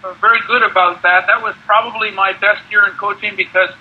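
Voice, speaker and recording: A man's voice: sits high, fairly even intonation, brisk, husky, narrow, tinny audio. A man in his sixties from Canada, a ski area manager and former coach, talking in an interview and often restarting his sentences. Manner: rambling with many restarts and repeated words. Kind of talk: conversational interview.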